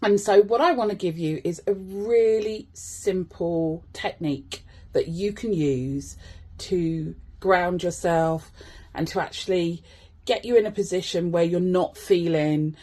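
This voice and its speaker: A woman with a low-set, husky voice chats informally as a wellbeing coach. Her delivery is conversational and self-deprecating, addressed straight to her followers. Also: a little slow, darkish tone. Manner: chatty, self-deprecating asides. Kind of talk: informal video chat to followers.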